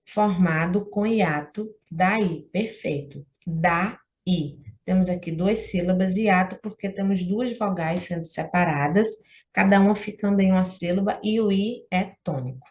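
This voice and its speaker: A woman's voice: medium pitch, a little mellow. A Brazilian woman teaching exam-prep Portuguese, walking through test questions and often checking in with the listener.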